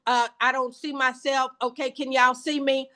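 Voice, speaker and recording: A woman in her seventies drives a team meeting with a sermon-like rhythm, repeating her lines for emphasis. Her voice runs a little high and bright. She sounds like she is talking into a computer on a video call. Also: level tone, normal speed. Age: 70s. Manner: emphatic, repetitive, preacher-like cadence. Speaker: business team leader. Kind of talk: motivational sales call.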